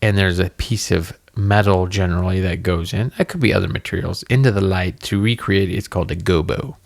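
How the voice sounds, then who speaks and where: A man co-hosting a casual podcast from a room at home, rambling and breaking off mid-thought with quick laughs. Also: sits low, creaky. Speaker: podcast co-host. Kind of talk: casual chat.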